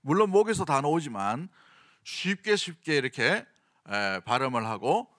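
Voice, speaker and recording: A middle-aged senior pastor with a Gyeongsang Korean accent preaches conversationally, often putting questions to the congregation. His voice is a little high, very animated and fairly bright, at a moderate pace, recorded in clean studio sound with no echo.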